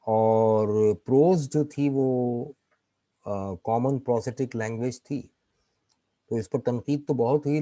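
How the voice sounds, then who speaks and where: Male literature tutor, slow and mellow, keeps checking in with his online class. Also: medium pitch, no room sound, low-quality recording. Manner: explanatory, keeps checking in with students; mixes English terms into his explanations. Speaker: literature teacher.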